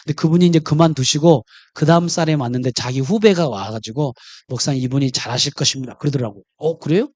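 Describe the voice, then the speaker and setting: A pastor preaching a sermon, who keeps asking the congregation questions in an animated way. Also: male voice, fairly high pitch, fast, dry recording.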